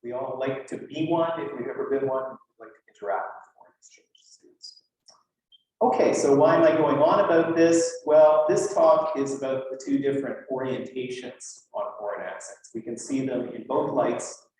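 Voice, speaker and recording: At a conference, a Western Canadian linguist delivers a casual lecture, asking rhetorical questions and slipping in dry remarks. His voice is mid-pitched and darkish, moving at a moderate pace. A distant microphone and heavily echoing room shape the sound.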